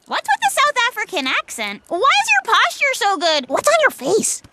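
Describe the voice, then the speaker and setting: A woman's voice: very high voice, huge pitch swings, normal speed, very noisy, full character voice. An actress voicing a curious, blunt young cartoon duck girl who fires off pointed questions. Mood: probing.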